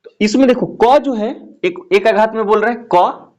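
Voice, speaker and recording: A man teaching grammar in a classroom lecture, who explains slowly, repeats key phrases and keeps asking his students questions. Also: sits high, a little mellow.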